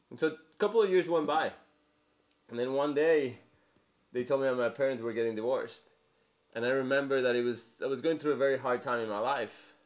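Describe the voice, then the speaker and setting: A young man from Mexico delivers a testimony sermon. He talks earnestly and informally, leaning on "you know" as he goes, with a voice of middling pitch. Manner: earnest, conversational, many "you know" fillers. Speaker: preacher.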